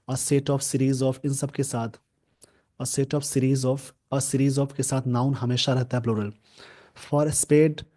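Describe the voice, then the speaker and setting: Slow, patient male English teacher. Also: medium pitch, warm tone. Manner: slow, repetitive explaining, mixing English terms into Hindi. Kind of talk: newspaper grammar lesson.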